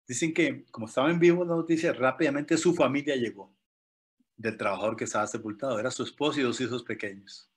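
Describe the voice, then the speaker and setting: Guy w a husky voice, earnest motivational storytelling. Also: medium pitch, fast. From Costa Rica. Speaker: motivational speaker.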